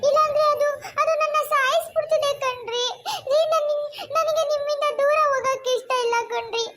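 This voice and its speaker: A shrill, terrified young wife. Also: female voice, fairly even intonation, moderate pace, a bit bright, a little hiss or hum. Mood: frantic pleading. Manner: frantic, pleading. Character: frightened young pregnant wife.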